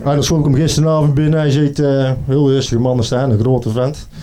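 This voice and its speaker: Chatty man telling comic stories. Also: mid-range voice. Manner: chatty, animated, doing quick voices. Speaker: comedian. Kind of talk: comic storytelling monologue.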